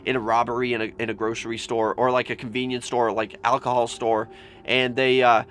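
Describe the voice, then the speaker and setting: In a brisk, flat delivery, a man with a mid-range, fairly bright voice shares scary stories in a laid-back vlog style. He swears mildly and fills his speech with "like." The recording is clearly noisy with background ambience.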